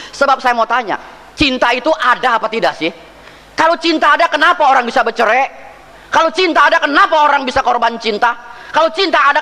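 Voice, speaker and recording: A man's voice: very high-pitched, sharp tone. A man preaching a sermon as pastor, joking and firing rhetorical questions straight at his congregation. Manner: jokey, acts out dialogue. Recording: reverberant hall.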